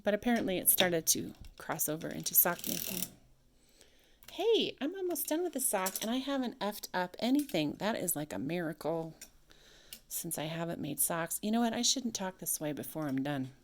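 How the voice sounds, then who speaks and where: A woman's voice: lowish voice, very animated, moderate pace, a little hiss or hum. A married woman vlogging at home while she cranks a sock machine. She talks on and on to herself, now and then tossing in silly sound effects. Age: adult, married. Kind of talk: casual chat while working a sock machine. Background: clicking sock machine mechanism.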